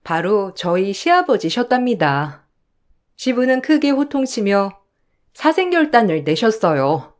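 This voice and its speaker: A woman's voice: medium pitch, very animated, a little slow. A woman narrating a true family story in the first person, in a confiding retelling.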